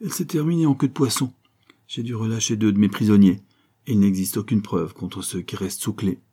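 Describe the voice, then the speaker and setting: A man's voice: fairly low pitch, dark tone, slightly rough. A man voicing a blunt, hearty male police inspector in an audiobook reading. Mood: brisk. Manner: blunt, brisk.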